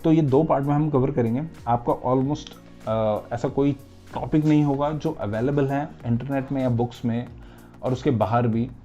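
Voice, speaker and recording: A man's voice: mid-range voice, normal speed, mellow, lo-fi sound, faint music behind. A male teacher gives an explanatory English grammar lecture in Hindi mixed with English, and often checks in with "right?".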